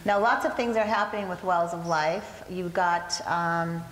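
A woman's voice: fairly low pitch, unhurried, fairly bright tone, a little hiss or hum. Eager female TV host in echoey hall. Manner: eager questioning. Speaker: TV morning show co-host. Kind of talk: live TV interview. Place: community center before a live audience.

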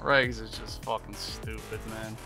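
A man's voice: on the low side, flat delivery, a little slow, sharp tone, soft background music. An American man in his thirties doing live gameplay commentary as a streamer, with a frustrated, swearing manner. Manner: frustrated, profane griping. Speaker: video game streamer. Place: small indoor streaming room with monitors.

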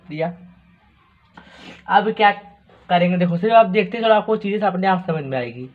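A man teaching math, talking through each step in a chatty way and asking the class rhetorical questions. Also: sits high. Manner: chatty, asks rhetorical questions, repeats words. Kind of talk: explaining math steps on a board. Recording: tinny phone-like audio.

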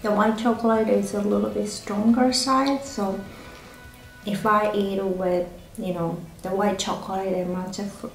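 A woman's creaky, mid-range voice carries a slow, casual food review to camera. As a food vlogger, she's relaxed and chatty, often using fillers and restarting sentences. The recording has an echoey small-room sound with faint music.

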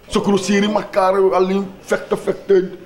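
A man plays a flustered schoolteacher in a low-budget film, halting and repetitive, his words tumbling over each other as he scolds his rude pupils. His voice sits a little high, and it carries through an echoey room. Steady background noise runs beneath it. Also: lightly acted. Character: flustered male schoolteacher, strict but overwhelmed by rude pupils. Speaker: Dutch teacher at a school.

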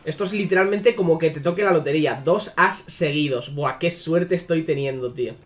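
Sarcastic Spanish gaming commentator. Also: male voice, on the high side, fairly quick. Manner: sarcastic, swears freely. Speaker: gaming YouTuber. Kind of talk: casual gameplay commentary.

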